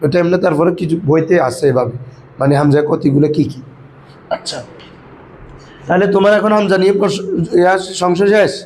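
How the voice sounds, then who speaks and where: A man's voice: on the high side, fairly quick, long pauses, a little mellow, a little hiss or hum, low-quality recording. A man teaching Arabic grammar to a class, often quizzing his students and calling them "baba". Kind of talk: classroom lesson.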